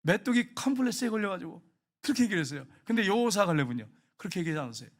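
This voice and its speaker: A man preaching a sermon as pastor, emphatic, repeating phrases and swinging from loud appeals to quiet asides. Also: high voice, lively intonation, racing. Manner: emphatic, repeats phrases, rises and drops sharply.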